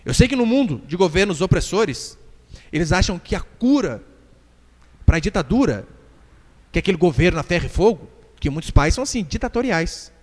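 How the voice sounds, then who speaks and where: A man's voice: high-pitched, big pitch swings, normal speed, darkish tone. A man with a Brazilian Portuguese accent preaching a sermon as pastor, emphatic and acting out little dialogues. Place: church hall. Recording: reverberant church hall.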